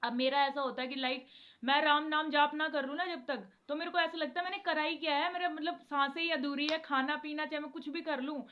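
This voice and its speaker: A woman's voice: high voice, steady tone, fairly quick, muffled recording. A young woman giving a casual devotional talk to her viewers from a room, chatty and earnest, with lots of filler tags and English words mixed into her speech. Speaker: devotional vlogger. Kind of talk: casual spiritual talk to camera. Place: indoor room.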